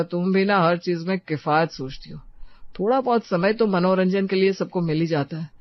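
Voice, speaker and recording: Gentle cartoon husband, voiced by an actor. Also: mid-range voice, dry recording, natural voice. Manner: gentle, coaxing. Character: caring young husband, gentle and patient. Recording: dry, slightly dull lo-fi sound.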